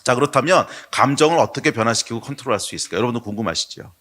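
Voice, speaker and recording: A middle-aged man preaching a sermon as pastor, telling everyday stories with lively acted-out quotes. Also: medium pitch, rapid-fire. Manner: lively storytelling sermon, bursts into shouted quotes. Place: church sanctuary.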